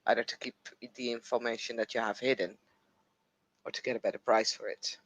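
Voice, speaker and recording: A man playing a guarded woman in a tabletop game, speaking in a cautious, measured way. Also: mid-range voice, steady tone, a bit bright, no echo, lightly acted, poor audio. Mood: wary. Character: guarded woman, a wary vampire schemer.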